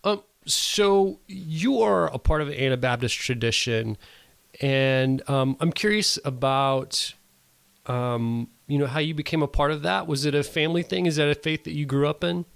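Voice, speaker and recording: A man's voice: on the high side, moderate pace, vocal fry, smooth. A man hosting a podcast who introduces his guest and asks friendly questions with some hesitant fillers. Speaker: podcast host. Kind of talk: casual interview conversation.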